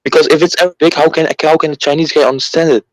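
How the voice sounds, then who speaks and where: A man speaking haltingly and hesitantly as a caller in an informal religious debate. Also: on the high side, fairly even intonation, no echo, rough recording. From Turkey.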